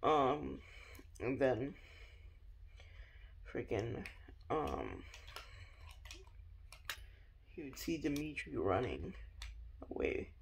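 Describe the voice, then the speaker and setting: A man's voice: mid-range voice, sing-song, extremely slow, vocal fry, pauses often, a little hiss or hum. A young man rambling through a fan theory in a casual, hesitant way, full of ums and restarts.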